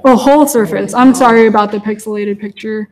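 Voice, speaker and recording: A woman's voice: medium pitch, steady tone, brisk, a little mellow. A young woman from California giving a public outreach talk and answering audience questions in a friendly, apologetic way, with frequent ums. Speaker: invasive species outreach speaker.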